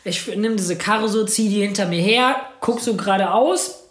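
A man's voice: high voice, normal speed, fairly bright tone. A young man casually telling a long story in slangy, rambling chat, full of tag questions and "so I was like". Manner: rambling, slangy, lots of "ne?" and "ich so". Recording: roomy echoey sound.

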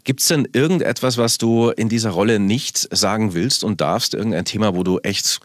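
A male radio host asking a guest chatty, quick questions. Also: fairly low pitch, dry recording, studio quality. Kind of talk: radio interview.

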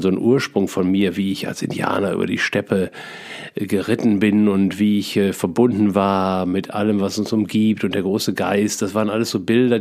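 Middle-aged man, lowish voice, reflective storyteller; hesitant, musing delivery with frequent fillers. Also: a little mellow. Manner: reflective, spiritual, many fillers and restarts. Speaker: feng shui consultant telling his life story. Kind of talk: personal storytelling monologue.

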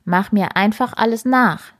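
A woman voicing a big, strong, calm father tomcat in a children's story, kindly and unhurried. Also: medium pitch, lightly acted.

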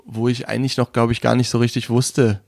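Casting: young man from Brandenburg, middle-pitched, rambling and hesitant, very dry close sound. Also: flat delivery, a little fast, gravelly, darkish tone, no echo. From Brandenburg, Germany. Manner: rambling, hesitant, many fillers and restarts. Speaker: podcast guest, photographer. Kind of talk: casual chat.

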